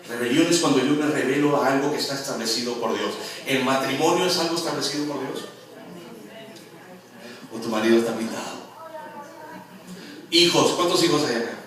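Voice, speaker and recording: Male pastor, mid-pitched, preaches with humor and questions, heard from afar in a booming, echoing room. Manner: lively, jokes and quizzes the congregation. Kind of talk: sermon. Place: church hall. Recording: very echoey hall, from far off.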